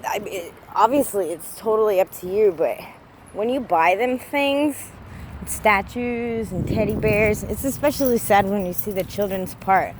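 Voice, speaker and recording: A woman's voice: medium pitch, measured pace, slight background noise. A woman vlogging while walking through a cemetery, ranting heatedly and swearing a lot. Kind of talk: casual walking vlog. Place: outdoors in a cemetery.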